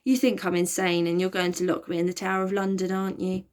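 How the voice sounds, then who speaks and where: A woman's voice: mid-range voice, little pitch movement, quick pace, darkish tone, natural voice. A woman voicing an eager, cheeky young schoolboy in a storybook reading, blurting his lines out.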